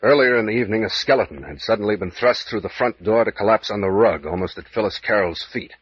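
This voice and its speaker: A man playing a gruff, bossy, slangy private investigator captain in old-time radio mystery style. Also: lowish voice, fast talker. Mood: grave, narrating. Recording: dull lo-fi vintage radio recording.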